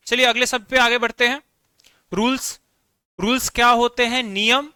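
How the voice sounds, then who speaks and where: A man's voice: high voice, pushed and bright, clear, resonant tone, no echo, studio quality. A man teaching a vocabulary lesson online, explaining words with everyday examples and often checking in with the class. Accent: Bihari Hindi.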